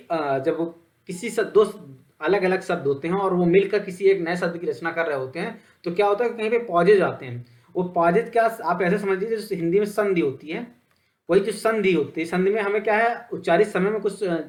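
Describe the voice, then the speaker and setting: A male teacher giving a Hindi grammar lecture, asking questions and answering them himself. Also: sits high. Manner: plain, steady explaining with frequent fillers.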